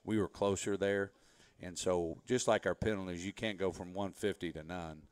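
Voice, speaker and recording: A man speaking as a head football coach in a relaxed interview, rambling a bit as he explains. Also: deep voice, normal speed, dry recording. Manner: relaxed, rambling, frequent "you know" fillers. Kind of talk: casual interview talk.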